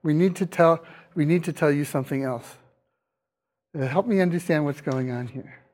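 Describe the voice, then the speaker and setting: A man's voice: a little high, normal speed, a little mellow. A man giving a university lecture, questioning his students and dropping dry wordplay jokes. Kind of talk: classroom lecture.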